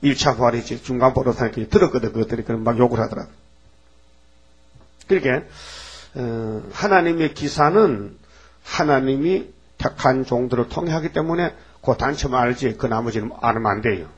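A man's voice: medium pitch, moderate pace, breathy edge, dull audio. A man preaching a sermon in a blunt, folksy way, firing rhetorical questions at the congregation. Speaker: pastor.

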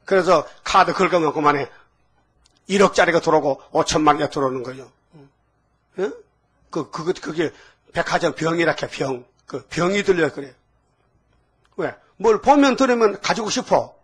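A man's voice: on the high side, normal speed, pauses often, fairly bright tone, breathy edge. An older man preaching a sermon to his congregation in a folksy, teasing way, often tossing questions back to the listeners. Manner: folksy, call-and-response, asking the congregation "응?". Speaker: pastor.

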